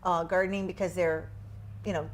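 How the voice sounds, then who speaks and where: A woman's voice: on the low side, little pitch movement, normal speed, a little hiss or hum. A woman hosting a cooking show, chatting with a guest and gushing about the food in a restaurant kitchen. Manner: enthusiastic, gushing, with fillers. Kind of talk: casual chat.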